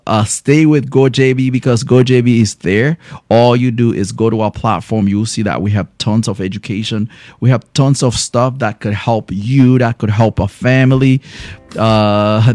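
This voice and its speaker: A man's voice: mid-range voice, darkish tone, no echo, clean studio sound. A man with a French accent hosting a live health education show from a clinic, closing out with effusive, repeated thanks to his viewers. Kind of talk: live-stream sign-off.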